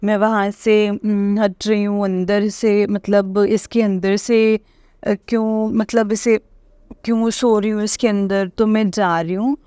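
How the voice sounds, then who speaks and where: A woman tells a personal dream story at length. She wanders and restarts often, filling the pauses with small hesitations. Her voice sits at an ordinary middle pitch, and the recording is dry and close. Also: flat delivery, mellow, clear, resonant tone, no echo. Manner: rambling, hesitant, many fillers and restarts. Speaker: devotee sharing a dream experience. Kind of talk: casual spoken testimony.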